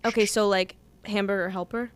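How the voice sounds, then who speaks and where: A woman's voice: mid-range voice, fairly even intonation, brisk, clean tone. A tipsy woman co-hosting a podcast, telling rambling stories between giggles. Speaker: podcast co-host. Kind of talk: casual chat.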